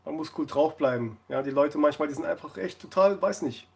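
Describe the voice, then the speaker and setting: A man's voice: a little high, a little fast, creaky. A man chatting casually on a live stream, rambling through anecdotes and laughing often.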